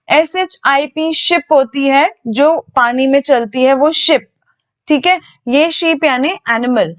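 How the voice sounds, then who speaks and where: A woman teaching English grammar, patient and explaining step by step, repeating key words and asking her students questions that she then answers herself. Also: high-pitched. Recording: dull lo-fi sound.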